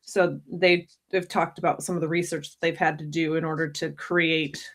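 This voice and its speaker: A woman's voice: low voice, flat delivery, moderate pace. A woman hosting an interview, asking thoughtful, winding questions with restarts. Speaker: podcast host.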